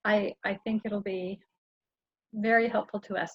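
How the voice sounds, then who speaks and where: A woman hosting a video call, thanking the speaker and moderating briskly. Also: mid-range voice, flat delivery, breathy edge, dull audio. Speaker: host of the call. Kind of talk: casual moderating.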